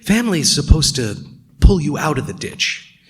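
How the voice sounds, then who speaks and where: An actor delivers scripted noir narration in a radio play as a world-weary, sardonic male narrator, wry and brooding in mood. His voice sits a little high and swings widely in pitch at a normal speed.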